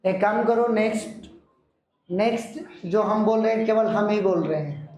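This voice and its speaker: Male English teacher, high voice, firm classroom instructions, echoey room. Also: a little mellow. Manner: slow dictation, firm instructions. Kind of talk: classroom grammar lesson.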